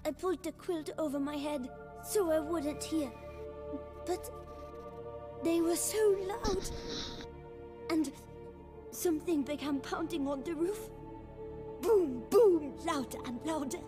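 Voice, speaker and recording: Little orphan boy, shaky and stuttery, slow and hushed, game cutscene. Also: high voice, over music. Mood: terrified. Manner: stammering, hushed and trembling. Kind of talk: video game voice acting.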